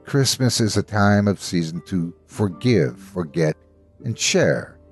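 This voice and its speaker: A man's voice: sits low, lively intonation, slow pace, faint music behind. A man voicing Dorwin, a worried villager who speaks earnestly and pleads.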